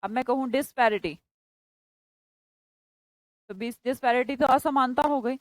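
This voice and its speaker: A woman's voice: high voice, unhurried, dry recording, poor audio. Hindi-speaking woman teaching vocabulary, dry sound. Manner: explains in Hindi mixed with English words, scolds students by name. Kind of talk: classroom lesson.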